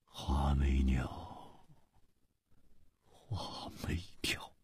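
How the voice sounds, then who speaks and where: A male storyteller voicing a cold-hearted, wry male martial companion, speaking quietly and mutteringly with a husky voice. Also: a bass voice, slow pace, no room sound, voice pushed down, full character voice.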